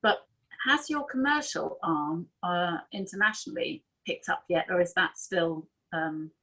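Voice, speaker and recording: A woman's voice: on the low side, animated, measured pace, pushed and bright, rough recording. A woman moderating a panel webinar, asking questions with hesitant ums. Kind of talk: panel discussion.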